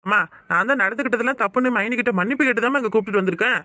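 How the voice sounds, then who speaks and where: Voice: medium pitch, very fast, pushed and bright, no room sound, clean studio sound, natural voice. A performer voicing a peacemaking older father in a cartoon, speaking with a Kanyakumari Tamil accent. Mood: placating. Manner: pleading, placating. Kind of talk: cartoon voice acting.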